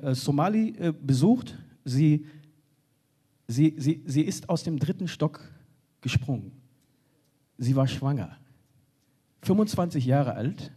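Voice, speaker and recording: A man speaking earnestly on a panel from a stage, often halting and restarting. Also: fairly high pitch, mellow, slightly rough. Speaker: panel speaker for a refugee organization. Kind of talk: spoken panel contribution. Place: stage in a hall.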